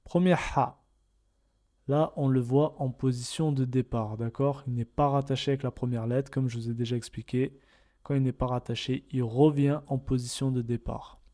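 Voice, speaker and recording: A man's voice: mid-range voice, fairly even intonation, normal speed, dark tone. A man teaching how to read letters step by step, patiently repeating each point and sounding out examples. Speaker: Arabic reading teacher. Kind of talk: step-by-step lesson narration.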